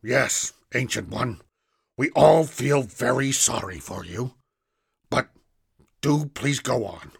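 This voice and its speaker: A man voicing a centuries-old male companion who speaks lively, polite and a little grand. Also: medium pitch, slow pace, gravelly, pauses often, slightly rough, no echo, clean studio sound, pitched above the performer's own voice, heavily acted. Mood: reassuring. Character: very old man who looks young, cheerful and reassuring.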